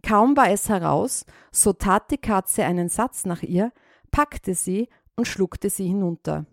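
A woman reads a fairy tale aloud in a calm, measured storytelling manner. Her pace is very unhurried, with a mid-range voice. The sound is close and dry. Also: medium pitch, dry recording.

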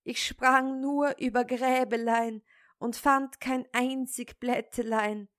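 A woman voicing a deceitful female goat in a fairy tale, bleating and whining in a slow storybook reading. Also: fairly high pitch, fairly even intonation, fairly bright tone, voice pushed up. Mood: sly complaining. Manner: bleating, whiny complaint.

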